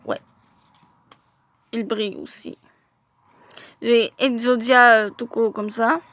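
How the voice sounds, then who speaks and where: A woman's voice: mid-range voice, very animated, measured pace, creaky, dry recording. A woman showing her card collection in a casual vlog, hesitant and full of filler sounds as she stumbles over English names.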